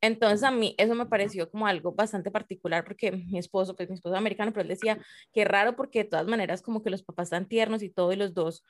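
Conversational woman, lively storyteller in a casual group talk. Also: medium pitch, fast.

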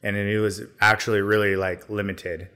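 A man talking casually as a podcast guest, relaxed and rambling with lots of fillers. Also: on the low side, a little fast, clean tone. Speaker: podcast guest, business owner. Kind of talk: casual conversation.

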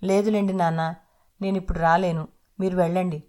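A woman voicing a young pregnant wife who speaks softly and with restraint. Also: fairly low pitch, flat delivery, fairly quick, lightly acted. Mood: restrained. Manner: soft, restrained.

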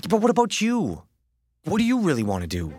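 An actor from the United States playing an easygoing, awkward young American commoner who stammers and hesitates. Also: male voice, high voice, huge pitch swings, brisk, darkish tone, husky, faint music behind, full character voice. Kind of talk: audio drama acting.

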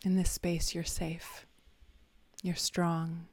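A woman guiding a visualization meditation in a soft, half-whispered, soothing voice with long pauses. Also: on the low side, completely flat delivery, no echo. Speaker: meditation guide.

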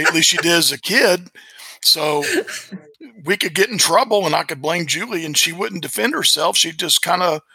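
A man's voice: a little high, pushed and bright, slightly rough, no echo, low-quality recording. A man in his late fifties, an interview guest and former coach, telling family stories in a casual, folksy, plain-spoken way. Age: late 50s. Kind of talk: casual storytelling.

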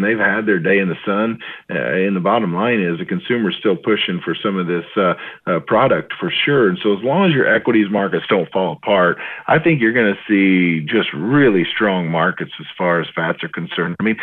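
A man calls in over a tinny phone line, his very low voice squeezed thin by the connection. He talks through market commentary in a loose, rambling way, full of fillers and restarts. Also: husky. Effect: heard over the phone. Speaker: market analyst guest.

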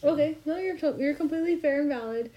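A woman's voice: sits high, fast, mellow, lo-fi sound. A young woman hosting a podcast, slightly tipsy, rambling casually with lots of swearing and self-deprecating asides. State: slightly intoxicated. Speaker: podcast host. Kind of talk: casual chat.

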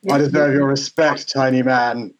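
A man voicing a pompous little imp who speaks in a magically amplified, booming voice, declaiming grandly. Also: little pitch movement, normal speed, highs cut off, slight background noise. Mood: grandiose. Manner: grandiose, self-important declaiming. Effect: magically amplified voice, played as loud booming.

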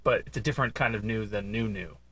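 A man co-hosting a casual news podcast with his child, making dry puns and pausing often with "um". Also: lowish voice, steady tone, a bit bright, slight background noise. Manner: punning, dry dad jokes; hesitant, with many ums. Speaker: podcast co-host, father of the other host.

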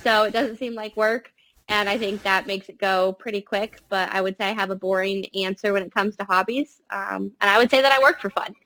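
A young woman answers interview questions casually and earnestly, with an upbeat manner. Her pitch is average for a woman, and she is talking from a quiet space. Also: fairly even intonation, a little fast, rough recording. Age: young adult. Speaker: podcast guest, family farm-consulting business co-runner. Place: quiet space in a college library.

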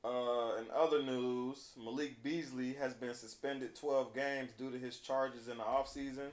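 A man's voice: mid-range voice, fairly even intonation, a little slow. A man hosting a casual basketball chat, reading out stats and news in a laid-back, slangy bro style. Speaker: host of a basketball talk show. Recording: echoey room.

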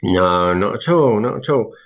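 A man's voice: on the low side, expressive, measured pace. Toothless older man, dull lo-fi sound. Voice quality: toothless, slurred speech from having all teeth out. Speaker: interview guest, veteran skydiving suit maker. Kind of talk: casual reminiscing in an interview.

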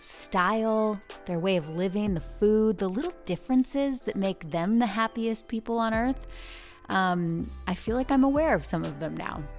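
A woman hosting a podcast in casual, chatty talk, recorded alone in a huge, high-ceilinged room with lots of echo on a portable travel mic. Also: a little mellow. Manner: chatty and bubbly, jokey asides. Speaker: podcast host. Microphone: portable travel microphone.

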